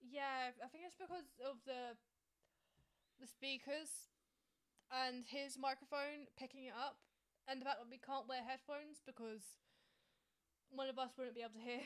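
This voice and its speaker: Giggly high-voiced young woman. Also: steady tone, moderate pace, pauses often, a bit bright, clear, resonant tone. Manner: giggly, stumbles over words. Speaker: podcast co-host. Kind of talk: casual chat.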